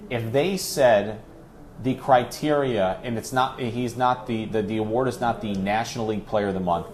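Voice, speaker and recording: A man with a lowish, somewhat mellow voice talks at a normal speed over a slight hiss or hum. He's a radio play-by-play announcer appearing as a guest, discussing sports in an animated, emphatic, conversational style full of rhetorical questions.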